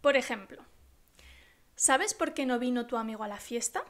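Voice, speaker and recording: A high-pitched woman teaches a language lesson. She speaks slowly and carefully, spelling out examples and dictating a text for learners. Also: lively intonation. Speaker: Spanish teacher.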